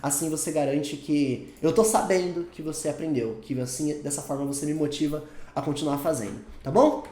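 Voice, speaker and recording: A man's voice: on the high side, fairly even intonation, a little fast, hardly any pauses, mellow, reverberant. A man with a Brazilian Portuguese accent teaching a whiteboard lesson, explaining patiently and often checking in with the learner. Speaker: English teacher.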